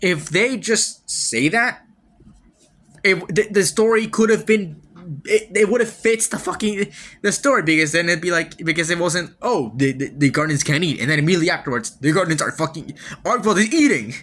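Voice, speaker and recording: Man, podcast host, solo game review, slightly high voice, lively swinging pitch, rambling restarts, casual swearing. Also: normal speed. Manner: laughs wryly between points.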